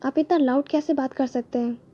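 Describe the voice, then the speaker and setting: A woman's voice: high voice, fairly even intonation, a little fast, warm tone, highs cut off, soft background music. A woman voicing a stern hospital nurse in a read-aloud story, scolding.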